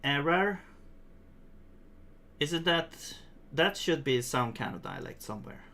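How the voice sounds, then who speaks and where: Here the Swedish-accented streamer's voice is fairly high, with big swings in pitch, a slow pace, and a creaky, pushed, bright quality. He is casually coding on a livestream, mumbling half-sentences as he thinks aloud and laughing softly now and then.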